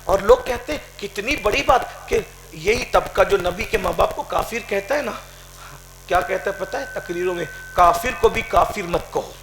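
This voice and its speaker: A man preaching an impassioned sermon, swinging from shouted climaxes to quiet questioning. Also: high voice, vocal fry, slight background noise. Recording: echoey hall with crowd.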